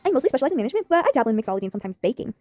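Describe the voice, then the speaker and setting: A woman's voice: sits high, big pitch swings, rapid-fire, mellow, dry recording, soft background music. A woman voicing a breezy city-girl influencer.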